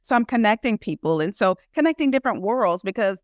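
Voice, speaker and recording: Here the American guest entrepreneur sounds expressive and quick, her voice mid-range, in a dry recording. She's earnest about her work in this informal interview, rambling on with plenty of "you know" fillers.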